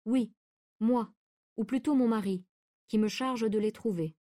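A woman's voice: on the high side, measured pace, dark tone, close to an everyday voice. A woman reading aloud, voicing an anxious young wife who hesitates and pleads on the edge of tears. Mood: hesitant. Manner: hesitant, trembling, near tears.

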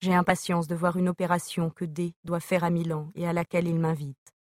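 Brief: woman audiobook reader, measured letter reading, lowish voice, dry close sound. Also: level tone, dry recording. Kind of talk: reading an epistolary novel aloud.

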